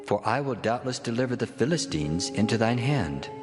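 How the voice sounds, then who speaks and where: An actor playing a solemn, commanding God in a dramatized scripture, speaking with authority. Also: male voice, medium pitch, lively intonation, normal speed, music in the background, lightly acted. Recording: long cavernous reverb.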